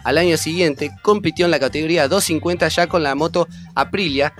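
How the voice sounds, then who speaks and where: A man's voice: a little high, a little fast, a bit bright, soft background music. A man with an Argentine accent reading scripted sports documentary narration.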